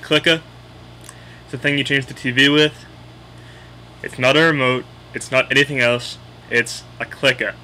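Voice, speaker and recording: Boston accent guy explaining slang, bright forceful voice, blunt n opinionated, bit of room noise. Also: mid-range voice, steady tone, moderate pace, pauses often. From Boston area, United States. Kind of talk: casual explainer of local slang.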